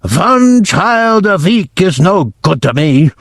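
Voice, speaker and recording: A man reading aloud and voicing a tyrannical female witch leader who screams slowly in stiff, clipped phrasing. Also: high-pitched, big pitch swings, a bit bright, dry recording, studio quality, voice pushed up, full character voice. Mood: ranting. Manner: slow, screaming, clipped foreign-sounding syntax.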